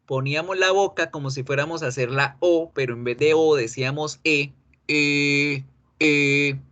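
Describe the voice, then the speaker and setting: A male English teacher who gives a pronunciation lesson and patiently repeats model words slowly. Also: fairly high pitch, fairly bright tone.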